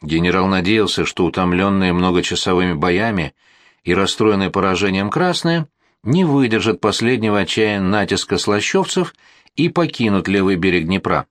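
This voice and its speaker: A man narrating a historical novel as an audiobook, in a measured, steady storytelling manner. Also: deep voice, dry recording, studio quality.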